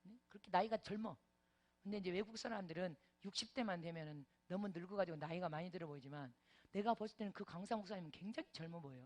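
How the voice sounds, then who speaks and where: Animated Korean woman preaching a testimony. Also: medium pitch. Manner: animated storytelling with frequent interjections. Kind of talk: testimony sermon.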